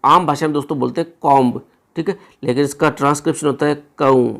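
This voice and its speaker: A man's voice: on the high side, steady tone, rapid-fire, gravelly, fairly bright tone. A man teaching and explaining an exam paper step by step, repeating words and checking in with his listeners often. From India.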